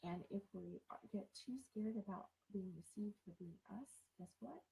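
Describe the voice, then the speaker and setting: A woman's voice: medium pitch, moderate pace, creaky, warm tone, highs cut off. A woman in her forties, a life coach, talking casually and bluntly, swearing and repeating herself as she gets going. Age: 40s. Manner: blunt, swears, repeats words when fired up. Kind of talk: casual livestream talk.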